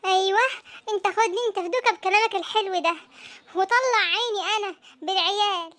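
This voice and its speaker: Brief: performer voicing an exhausted young Egyptian mom in a cartoon, shrill and bright, complaining in a rush. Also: quick pace. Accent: Egyptian Arabic. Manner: exasperated ranting, whiny. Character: fed-up Egyptian young mother of three. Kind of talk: cartoon comedy voice acting.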